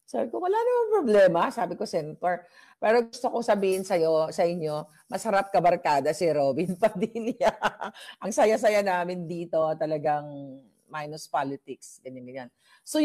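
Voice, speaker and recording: A woman's voice: on the low side, darkish tone. A woman vlogger telling a gossipy story to her viewers in a chatty way, mixing in English. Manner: chatty, mixes English into Tagalog, frequent fillers. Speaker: political vlogger.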